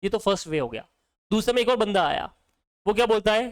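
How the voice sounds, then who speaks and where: High, crisp-voiced male accounting teacher. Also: expressive, fast talker, dry recording. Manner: quizzing students with repeated questions. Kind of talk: exam-prep lecture.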